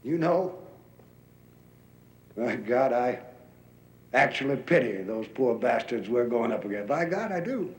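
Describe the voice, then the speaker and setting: A man voicing a gruff, bombastic army general as a sock puppet, delivering a theatrical comic monologue in a declamatory, deliberate way. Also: mid-range voice, animated, natural voice. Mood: proud, emphatic. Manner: declamatory, deliberate, with long pauses. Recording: roomy echo.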